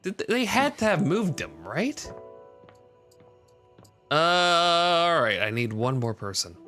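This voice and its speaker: A man's voice: on the high side, sing-song, slow pace, sharp tone, faint music behind. A man streaming a video game, joking and reacting casually to it. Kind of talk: casual gameplay commentary.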